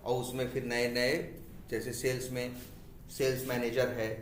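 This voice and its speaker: A man's voice: mid-range voice, completely flat delivery, unhurried, slight background noise. A male instructor giving a classroom lecture, asking his students questions, answering them himself and repeating key terms. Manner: mixes English technical terms into Hindi. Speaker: software testing instructor. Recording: echoey room.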